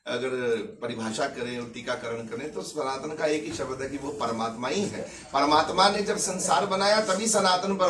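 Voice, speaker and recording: A man speaking as a spiritual leader who answers questions at a religious gathering, emphatic and explanatory. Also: on the high side. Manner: emphatic, preaching, explains terms. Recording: echoey, far from the mic.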